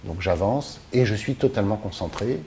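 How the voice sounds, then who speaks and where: With lively intonation, a moderate pace and a mellow, lowish sound, this Mediterranean man speaks in an interview. He works translating films and teaching, and his replies come out considered but uncertain, with frequent fillers and restarts. Faint noise is audible behind him.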